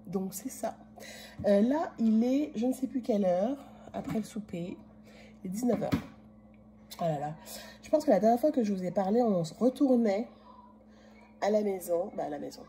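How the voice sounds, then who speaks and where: Talking to her phone, which is propped in a cupboard of a rented chalet's kitchen, a Quebec French-accented vlogger rambles chattily, full of fillers, coughing and short of breath. Her mid-range voice is mellow with lively intonation, normal speed, and frequent pauses. A little hiss or hum is audible.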